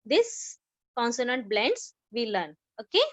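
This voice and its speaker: Woman, Indian accent, teacher, phonics lesson, high voice, lively pitch. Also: no room sound. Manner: slow, drawn-out teaching with repeated questions, switching between English and Hindi. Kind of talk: online phonics lesson for children.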